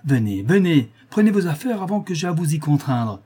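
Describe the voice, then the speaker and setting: A man reading the part of a hot-tempered young man, curt and forceful as he confronts his family. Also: fairly high pitch, expressive, normal speed, husky. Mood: angry, forceful.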